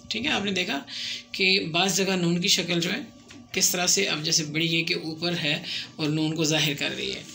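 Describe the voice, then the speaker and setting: A woman teacher walks learners through a writing lesson in a patient, careful way, stopping to repeat each example word. Her voice is bright and forceful and sits fairly low. Faint music plays behind her. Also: gravelly. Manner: slow, patient explanation with repeated drill words. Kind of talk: classroom lesson on Urdu script.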